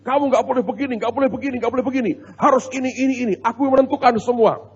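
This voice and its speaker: A male preacher voicing a bossy husband who lays down the rules to his wife, in a husky voice. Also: very high voice, fairly even intonation, rapid-fire, darkish tone, long reverb tail, highs cut off, voice pushed up. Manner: domineering, lecturing.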